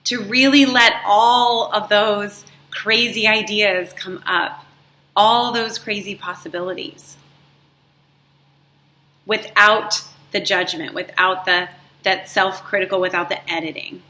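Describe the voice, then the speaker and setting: Bright-voiced woman coaching viewers. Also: mid-range voice, fairly even intonation. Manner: warm, encouraging, drawn-out emphasis on words. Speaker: life coach and show host. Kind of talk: motivational talk to viewers. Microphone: live stream setup.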